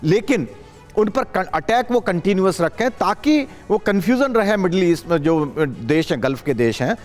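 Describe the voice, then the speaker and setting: A man commenting as a guest analyst on a live news show, talking in a halting way with many hesitations and restarts. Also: sits high, very animated, faint music behind.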